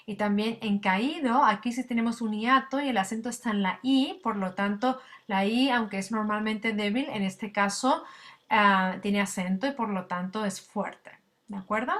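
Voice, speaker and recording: Woman, teacher, recorded lecture, patient, explanatory, middle pitch, frequent fillers. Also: fairly bright tone. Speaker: Spanish teacher.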